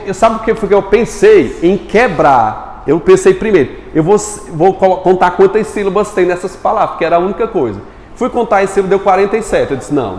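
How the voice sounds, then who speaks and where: During a live grammar lesson, a man fires questions at his students and supplies the answers himself. His voice is high yet darkish in tone, and the room is echoey, leaving a long reverb behind him.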